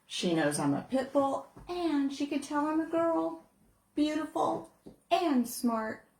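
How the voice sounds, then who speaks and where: A woman who is a children's book author, reading her picture book aloud in a playful, expressive way. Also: high-pitched, slow pace. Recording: roomy echo.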